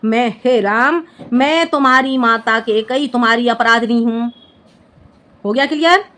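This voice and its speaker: Patiently explaining each line of a Hindi poem, a young woman teaches in a high, bright, unhurried voice. She regularly checks in to make sure her students have followed along.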